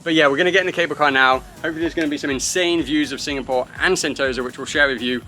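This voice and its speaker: A young man with a fairly high, sharp voice races through casual vlog narration as he films his travels on a handheld camera. Chatty and teasing, he talks outdoors and inside a cable car.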